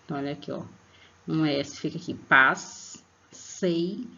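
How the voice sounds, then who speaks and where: A teacher with a Brazilian Portuguese accent giving an online spelling lesson, patient and checking in after each point, sounding out example words slowly. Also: mid-range voice, level tone, vocal fry, darkish tone. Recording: dull lo-fi recording.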